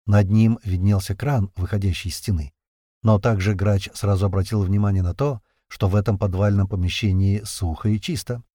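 A man narrating an audiobook in a steady, tense, vivid storytelling manner. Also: on the low side, normal speed, no room sound, studio quality.

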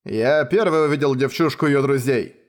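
A man voicing a shabby, gruff townsman who talks loudly and blusters. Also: mid-range voice, brisk, close to an everyday voice. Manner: loud and blustering.

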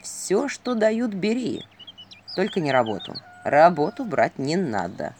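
A woman's voice: lowish voice, very animated, measured pace, darkish tone, slight background noise. A woman voicing a grumpy, jealous male owl sidekick with a grumbling, sardonic manner.

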